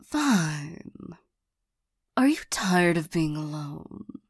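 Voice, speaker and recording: A woman voicing a flirtatious, lonely female demon in an ASMR role-play, soft and partly soft-spoken, coaxing and teasing, easily irritated. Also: fairly low pitch, lively intonation, very slow, no room sound, clean studio sound, exaggerated voice. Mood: coaxing, seductive. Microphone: close microphone.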